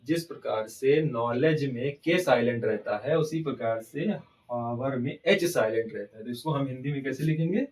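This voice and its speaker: Male grammar teacher, steady mid pitch, quiz-and-answer delivery, slightly distant mic. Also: moderate pace. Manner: asks rhetorical questions and answers them himself. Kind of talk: classroom-style grammar lesson.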